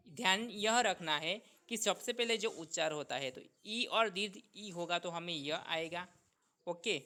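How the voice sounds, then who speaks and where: Bright-voiced male teacher drilling grammar. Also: sits high. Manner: asks students questions and answers them himself; repeats sounds and steps slowly. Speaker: school teacher. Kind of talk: recorded Hindi grammar lesson.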